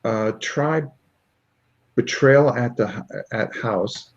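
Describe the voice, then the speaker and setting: Male host from Connecticut, mid-pitched, loose rambling delivery, lo-fi stream sound. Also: takes it slowly. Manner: rambling, stumbles over game names. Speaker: live show host. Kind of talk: casual live-stream interview. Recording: dull lo-fi stream audio.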